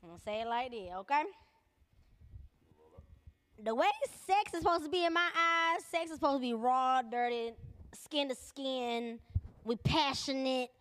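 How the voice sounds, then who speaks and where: A woman's voice: high-pitched, a little slow, long pauses, fairly bright tone, clear, resonant tone. A woman on a podcast panel, sassy and playful, often laughing as she speaks her mind. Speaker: panel guest. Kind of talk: casual podcast banter.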